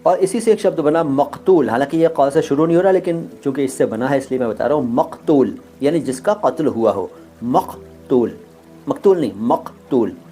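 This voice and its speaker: A man giving a pronunciation lesson, saying each word slowly and carefully and repeating it. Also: mid-range voice, warm tone, soft background music. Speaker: language teacher.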